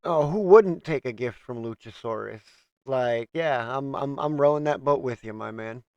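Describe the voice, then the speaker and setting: A man's voice: medium pitch, normal speed, darkish tone, no echo, dull audio. A man hosting a casual wrestling review, steadily running through a list of news items. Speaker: host.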